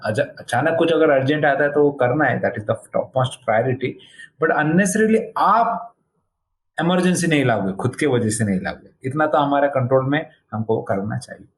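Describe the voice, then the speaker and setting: In an online devotional session, a medium-pitched male spiritual teacher answers questions from young people. He explains through homely stories, mixing English phrases into his Hindi.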